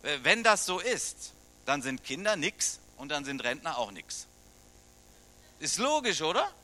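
A man's voice: on the high side, sing-song, unhurried, bright, forceful tone. A middle-aged man from Germany, a pastor preaching a sermon in a conversational way, often putting questions to his listeners. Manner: conversational, asks the congregation questions.

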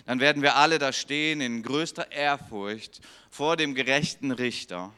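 A man preaching a sermon, swinging between loud, pleading appeals and quiet, grave passages, sometimes acting out quoted voices. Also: medium pitch, normal speed, clean tone.

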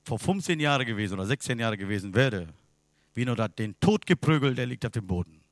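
A man preaching a sermon in non-native German with grammar slips, swinging from loud, impassioned passages to hushed ones. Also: medium pitch, lively intonation, brisk, dry recording, studio quality. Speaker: pastor. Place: church service.

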